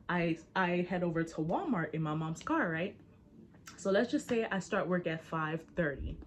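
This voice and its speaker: A woman in her twenties telling a casual storytime to her viewers, animated and slangy, speaking straight to the audience. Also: lowish voice, slight background noise. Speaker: storyteller, vlogger.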